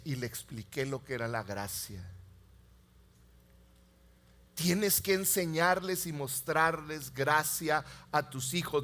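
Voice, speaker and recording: Male pastor, 30s; high, bright voice; lively sermon delivery, loud to hushed. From Mexico. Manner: animated storytelling, swings from loud to hushed.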